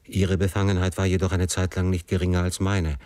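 A man narrating a classic novel in the first person, with measured, emotive storytelling. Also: sits low, level tone, darkish tone, no room sound, clean studio sound. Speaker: audiobook narrator.

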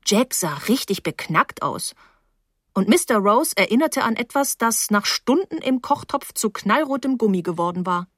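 A woman reading a first-person novel aloud in a steady, expressive storytelling manner. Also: mid-range voice, breathy edge, no room sound, clean studio sound. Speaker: audiobook narrator.

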